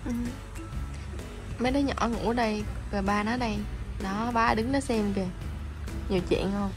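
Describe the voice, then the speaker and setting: A woman's voice: medium pitch, moderate pace, over music. A woman, chatting casually at home to viewers and fussing over her puppies in a doting voice. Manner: doting, chatty, talks baby talk to puppies. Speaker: pet vlogger. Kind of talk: casual vlog narration.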